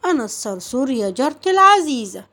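A woman with an Egyptian accent voicing a hungry, careless male cockroach who pleads and flatters in a children's folk tale. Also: high voice, fast, full character voice. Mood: pleading.

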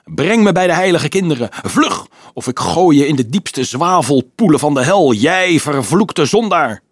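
A man voicing a small, menacing horned devil who screeches threatening demands in a husky voice. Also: a little high, sing-song, unhurried, no echo, clean studio sound, voice pushed up, exaggerated voice. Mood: menacing shriek.

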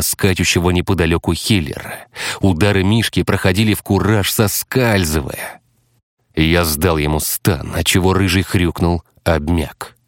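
A man reading an audiobook in a steady, matter-of-fact narration. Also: low voice, no room sound, studio quality. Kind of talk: scripted narration.

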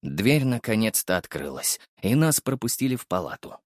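A man narrating a first-person audiobook in a lively, wry and expressive manner. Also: fairly low pitch, moderate pace, dry recording, clean studio sound.

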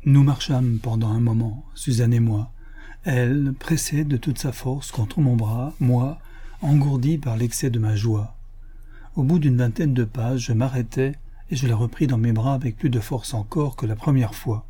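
A man narrating a classic novel audiobook in a measured, expressive reading. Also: medium pitch, slightly rough.

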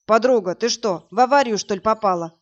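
A big, brash young man talks loudly and casually in slang, put on by a woman reading an audiobook. The voice sits at a middle height. The recording is dull and lo-fi. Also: medium pitch, a little fast, lightly acted. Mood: concerned. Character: burly brash young man, rough but kind.

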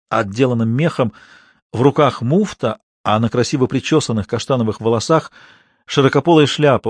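A man narrates an audiobook in a measured, steady way. His voice sits at a middle pitch. The recording is close and dry, with no room sound. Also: dry recording. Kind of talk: scripted narration.

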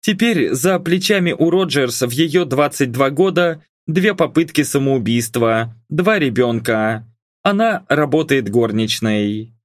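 A man's voice: medium pitch, animated, unhurried, no room sound. Man reading an audiobook, dry close sound. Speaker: audiobook narrator. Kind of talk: scripted narration.

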